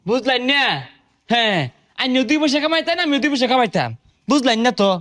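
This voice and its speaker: Sly hoarder type, boastful and hushed; a male actor, lilt, fairly high register. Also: expressive, fast. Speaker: fuel hoarder in a comedy skit. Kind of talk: comic sketch acting.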